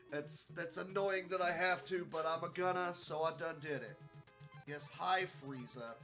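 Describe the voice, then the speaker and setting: A tired, yawning man commentating his live speedrun in a casual style, rambling through joking, self-mocking asides. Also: fairly high pitch.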